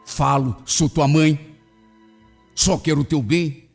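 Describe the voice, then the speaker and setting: A man voicing a worried, scolding middle-aged mother in a radio story, with a shrill, exasperated manner. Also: fairly even intonation, takes it slowly, creaky, husky, heavily acted. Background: soft music.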